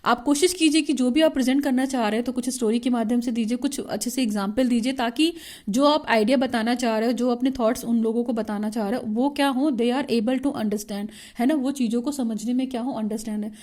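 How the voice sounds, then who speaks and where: Woman teacher, fairly high and mellow voice, steady online lecture with frequent check-ins. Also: brisk.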